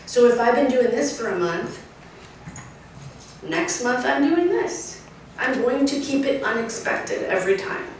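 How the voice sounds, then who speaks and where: A woman's voice: fairly high pitch, a little slow. Woman wildlife expert talking to a crowd outside, emphatic, mic kinda far off, super echoey. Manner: lively, emphatic, keeps asking the crowd "right?". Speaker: urban wildlife specialist. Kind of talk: outdoor public talk. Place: outdoors at a nature center. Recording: echoey, distant, faint noise.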